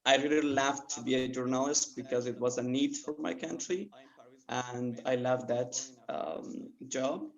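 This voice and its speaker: A man's voice: medium pitch, fairly even intonation, unhurried. A young man from Afghanistan, a former journalist and master's student, speaking earnestly as a guest on an online panel. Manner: earnest, hesitant with frequent ums. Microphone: webcam video call. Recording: muffled video-call audio.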